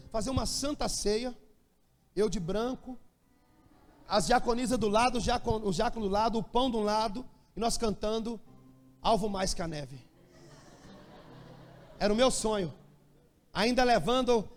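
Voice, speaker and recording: A Brazilian man preaching in a church, with a strikingly high voice for a man. His sermon is animated and full of humorous stories. The sound carries a long hall reverb. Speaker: pastor.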